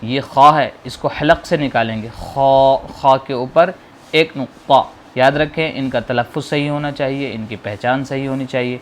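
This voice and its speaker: A man teaching how to read the Quran, slowly drawing out each letter sound and patiently explaining how to pronounce it. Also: mid-range voice, slight background noise. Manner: slow, drawn-out modeling of sounds, explaining patiently. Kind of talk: spoken lesson on letter pronunciation.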